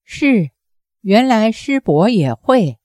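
A woman reading the lines of a young, gentle female nun in an audiobook, speaking softly with a choked-up, pleading manner. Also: fairly high pitch, sing-song, slow, dry recording, clean studio sound. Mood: eager.

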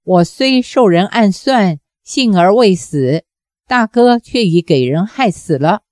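A woman's voice: mid-range voice, animated, takes it slowly, no room sound, clean studio sound. A woman voicing a bitter, vengeful old woman who berates and demands revenge in a raised voice. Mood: fierce. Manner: shouting harsh reproaches.

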